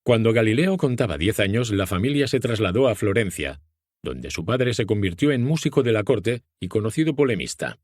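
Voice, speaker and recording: A man's voice: fairly low pitch, big pitch swings, fairly quick, darkish tone, dry recording, clean studio sound. A man with a Castilian Spanish accent reading an audiobook as scripted narration.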